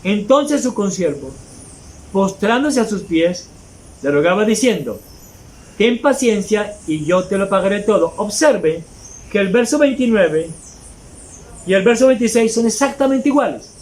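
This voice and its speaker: A man's voice: sits high, lively intonation, measured pace, poor audio. A man preaching a sermon as pastor, emphatic and mocking hypocrites in mimicked asides.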